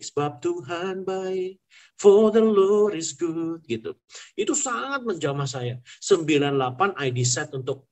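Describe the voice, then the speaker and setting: A man, an airline pilot telling his faith testimony in an earnest, conversational way, slipping in English phrases. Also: medium pitch.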